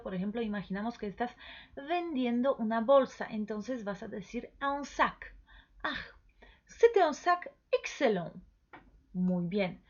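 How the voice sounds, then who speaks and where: Woman, language teacher, slow deliberate delivery, slightly dull lo-fi sound. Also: fairly high pitch. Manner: slow, deliberate teaching with repeated model phrases. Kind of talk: online language lesson.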